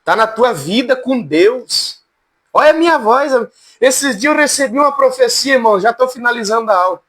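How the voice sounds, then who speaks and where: A man's voice: lively intonation, normal speed, a bit bright. A man teaching an informal Bible class, folksy and humorous, calling on his students by name. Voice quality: high, cracked voice. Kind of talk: informal church class lecture.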